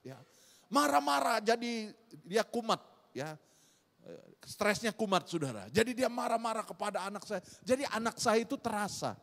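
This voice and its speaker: A middle-aged man preaches to his congregation in a high, ringing voice, his words trailing off into the long reverb of a church hall. He keeps calling out to his listeners, rising into loud exhortation and then dropping to soft, confiding storytelling. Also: expressive, normal speed, vocal fry. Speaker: pastor. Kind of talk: sermon.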